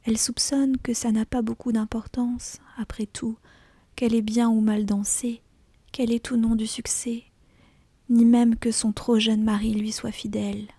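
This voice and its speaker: A woman reads fiction aloud in a breathy ASMR whisper. Her delivery is slow and deliberate, with a soft, dark tone. The sound is close and dry, like an intimate audiobook. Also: on the high side, flat delivery, no echo. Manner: slow, hushed, deliberate storytelling. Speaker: audiobook reader.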